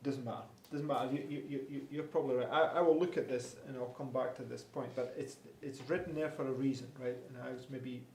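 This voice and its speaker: A man's voice: medium pitch, steady tone, a little fast, few pauses, a little mellow. A man teaching a Bible class through an interpreter, reading scripture and often checking in with "right?", stumbling over repeated words when unsure. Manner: reads scripture aloud, keeps checking with "right?". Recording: roomy room with faint hum.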